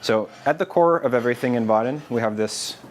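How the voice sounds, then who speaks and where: A Finnish man with a mid-range voice presents to a live meetup audience, talking a little fast amid slight background noise. His developer presentation is loose and informal, with lots of fillers and restarts.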